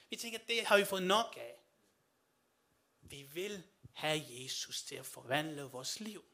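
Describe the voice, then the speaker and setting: A man delivering a sermon in a voice pitched a little high for a man. He swings between hushed, low passages and loud, rising declarations, and puts questions straight to his listeners. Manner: addresses listeners directly with questions. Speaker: preacher.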